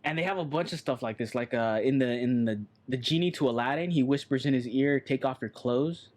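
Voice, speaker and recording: A man's voice: mid-range voice, quick pace, a little mellow. A man co-hosting a podcast in casual chat, loose and joking, swearing and repeating himself. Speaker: podcast co-host.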